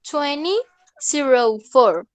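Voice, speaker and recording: A woman teaching an online class, her voice a little high. She explains step by step and keeps checking that her students follow. The sound is dry and close, with no room around it. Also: animated, very slow, no echo. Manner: patient, repeats "¿listo?" to check understanding. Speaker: English teacher.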